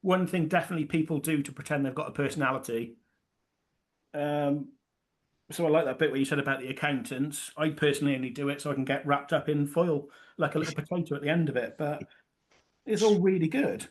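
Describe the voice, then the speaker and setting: A man's voice: on the high side, fairly even intonation, fairly quick. A man giving casual feedback as a panellist on a comedy show. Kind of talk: casual chat.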